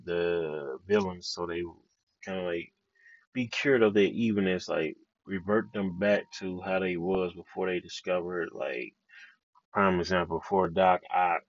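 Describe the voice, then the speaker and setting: A man giving a casual movie reaction, excitable and slangy, swearing a lot. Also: sits low, a little slow, dry recording, lo-fi sound. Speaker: movie reviewer.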